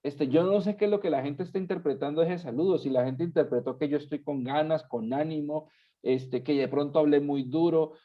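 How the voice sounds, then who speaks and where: A man giving a classroom lecture to students, animated, repeating words and asking rhetorical questions, in a dull lo-fi recording. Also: fairly high pitch, fairly quick. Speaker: Bible teacher.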